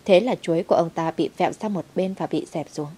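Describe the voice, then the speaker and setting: A woman's voice: lowish voice, fast, dark tone, breathy edge. A woman narrating a first-person story in a dramatic, heated way. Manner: dramatic, heated when quoting herself.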